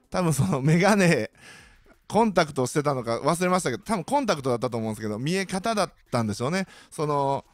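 A man's voice: on the high side, no room sound, studio quality. A man with a Kansai accent tells a comic personal anecdote, full of sound effects and self-mockery.

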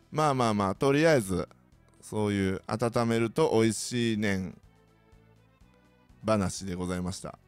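A man with a Kansai accent, hosting a podcast and telling joking stories in a casual way. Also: lowish voice. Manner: animated, joking, mimics others' voices. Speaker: podcast host. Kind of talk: casual solo storytelling.

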